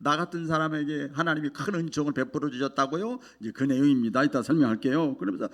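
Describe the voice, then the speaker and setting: A man preaching a sermon as a pastor, telling an emotional testimony that swings from hushed to loud. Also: on the high side, fast.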